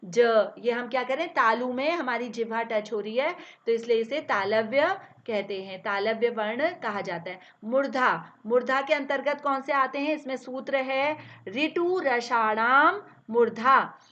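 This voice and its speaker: A woman teacher explaining a lesson step by step, asking questions and answering them herself, and drawing out each letter slowly as she sounds it. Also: on the high side, fairly bright tone. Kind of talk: classroom grammar lesson. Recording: dull, lo-fi recording.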